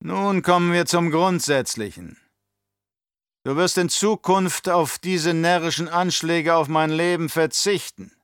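A man voicing a scheming old baron with a slow, mocking, condescending delivery in an audiobook. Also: a little high, fairly bright tone, clear, resonant tone, no echo, studio quality, pitched above the performer's own voice. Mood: menacing. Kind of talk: audiobook character voice.

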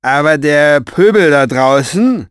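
A man's voice: a little high, expressive, a bit bright, clear, resonant tone, no room sound, studio quality, voice pushed up. A man doing a gloating, velvety-voiced villain. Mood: gloating, mocking. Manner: mocking, drawn-out, theatrical. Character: scheming, vain, gloating man.

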